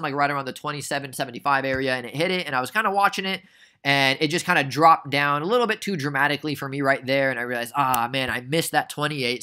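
A man's voice: medium pitch, bright, forceful tone. A young man casually recapping a stock trade for beginners, chatty and prone to rambling tangents. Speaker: trading educator.

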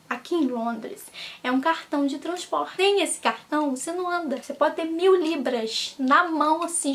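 Upset young woman venting. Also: high voice. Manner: upset, swearing, expressive outbursts. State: tearful and stressed. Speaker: vlogger. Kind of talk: emotional venting vlog. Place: at home, indoors.

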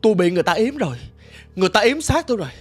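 A man voicing the ghost of a chained dead husband, speaking in a hushed, urgent way. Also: high-pitched, very animated, rapid-fire, slightly rough, faint music behind, full character voice.

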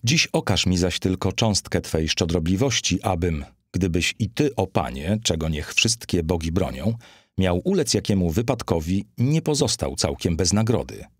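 A man voicing a cunning, fawning Greek flatterer in an audiobook, wheedling and obsequious. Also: low voice, normal speed, breathy edge, no echo, studio quality.

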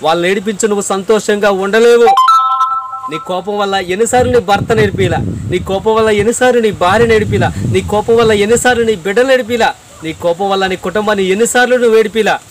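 Man, preacher, high-pitched, earnest, repetitive emphasis, faint background hiss. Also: fast talker. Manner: earnest, repeats phrases for emphasis, addresses listener directly.

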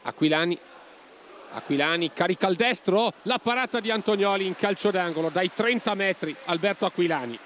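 A man giving football highlights commentary in clipped, telegraphic phrases, as a scripted match report. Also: fairly quick, fairly bright tone, slight background noise.

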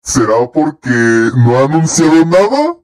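A man's voice: fairly high pitch, very animated, a little slow, a little mellow. A young man, chatting casually on a live stream, rambling, swearing and reacting to chat. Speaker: livestreamer. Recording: faint music behind.

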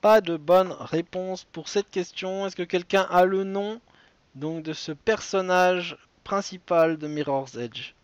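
French male quiz host, high-pitched, dry close sound, rambling and jokey. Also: takes it slowly, clear, resonant tone, no room sound, muffled recording. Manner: chatty, joking asides, many restarts. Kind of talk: live-streamed quiz hosting.

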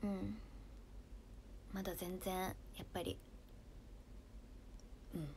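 A young woman with a Kansai accent, chatting casually on her livestream and reading viewer comments, often softening into near-whispers. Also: mid-range voice, steady tone, slow pace, a little hiss or hum. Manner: soft-spoken, drifts into near-whispers, laughs often.

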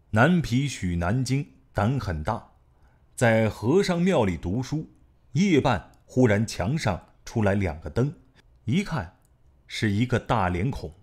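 A man reading an audiobook in an expressive storytelling manner. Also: medium pitch, husky. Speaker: audiobook narrator. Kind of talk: scripted audiobook narration.

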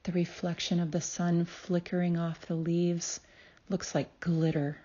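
A meditation host and healer leads listeners at a very slow pace, pausing at length between phrases. She sounds calm and soothing, with a mellow, soft-edged voice that sits a little low, though the recording is a bit dull.

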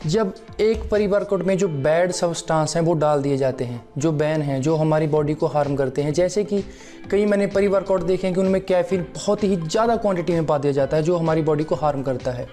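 Bright-voiced young man reviewing supplements. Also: a little high, brisk, faint music behind. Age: young adult. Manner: explanatory, keeps addressing viewers as friends. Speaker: fitness vlogger. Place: living room at home, seated on sofa. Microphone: lapel mic.

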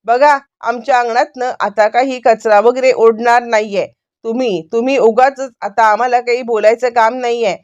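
A woman reads out the lines of a spiteful, scheming man who jeers loudly at his relatives and then feigns innocence. Her voice sits fairly high. The sound is dry and a little dull. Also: steady tone, moderate pace, no room sound, lightly acted. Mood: taunting. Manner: loud, mocking, falsely innocent.

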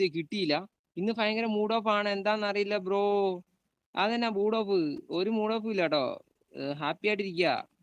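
Young malayali guy streaming a football game, high bright voice, calls every pass, says hi to viewers, dry close sound. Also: dry recording. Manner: chatty, calls out passes and greets viewers by name. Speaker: gaming live streamer. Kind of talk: live game commentary and chat with viewers.

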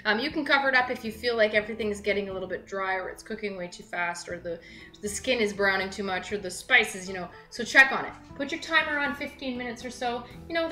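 A chatty, upbeat young woman hosts a home cooking lesson, talking casually while she works. Her voice is bright and forceful. It rings through a large, echoey kitchen over faint background music. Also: mid-range voice. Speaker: web cooking show host.

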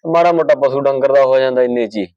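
A man's voice: medium pitch, quick pace, mellow, no room sound, highs cut off, close to an everyday voice. A man playing a dutiful son and husband who is torn between his mother and his wife, and who pleads earnestly. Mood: pleading, earnest.

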